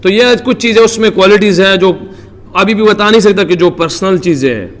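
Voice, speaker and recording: A Pakistani cricketer answers questions at a press conference in an earnest, devout manner, using many religious phrases. His voice is high-pitched, with a big-room sound.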